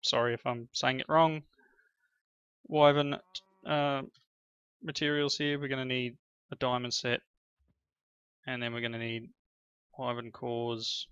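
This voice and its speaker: A man's voice: medium pitch, level tone, a little slow, pauses often, fairly bright tone, clear, resonant tone, dry recording. A middle-aged man hosting a family game session, chatting casually through his play and praising his children along the way. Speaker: gaming channel host playing with his children. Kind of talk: casual gameplay commentary. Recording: slightly dull lo-fi sound.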